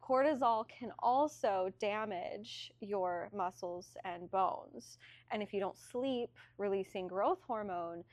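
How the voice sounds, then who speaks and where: A young woman guest on a podcast explains in a calm, steady way, pausing on ums as she goes. Her voice is mid-pitched. The sound is dry and close. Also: dry recording.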